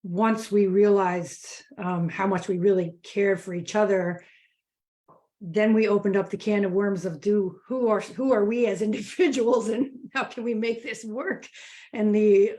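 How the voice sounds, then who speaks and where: A woman from New Jersey speaking at a middle pitch as a guest in a coaching interview. She sounds friendly and reflective, laughing easily as she talks. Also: fairly even intonation, a little slow, mellow. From United States, New Jersey. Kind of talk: casual interview chat.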